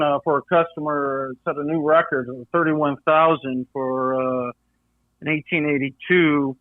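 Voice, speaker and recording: A middle-aged man, a coin dealer guest, telling animated stories with lots of fillers and acted-out voices. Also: on the high side, no room sound. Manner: animated storyteller acting out voices, frequent fillers. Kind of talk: storytelling in casual interview. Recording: tinny phone-like dry line.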